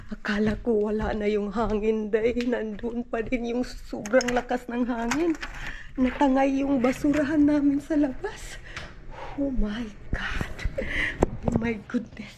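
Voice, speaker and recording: A woman's voice: steady tone, measured pace, noisy background. Chatty woman vlogging from home. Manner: chatty, frequent "day" and "mga Inday" asides; coos and cheers at her toddler in high bursts. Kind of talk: casual home vlog chat to viewers. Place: snowbound house, indoors and at the door.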